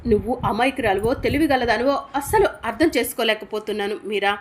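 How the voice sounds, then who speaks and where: A sharp-tongued scheming woman snaps and mocks, her voice sitting a little high, as a woman reciting a serial story puts her on. The tone is cutting and impatient throughout. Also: lively intonation, a little fast. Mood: scolding. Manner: scolding, sarcastic. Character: scheming sister-in-law, angry woman.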